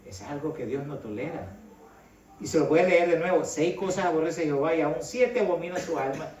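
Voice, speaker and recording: A middle-aged man from El Salvador preaches a sermon in a church hall, his fairly high, slightly mellow voice moving a little fast. He speaks conversationally and often calls his listeners brother, heard from a distance in the echoey room.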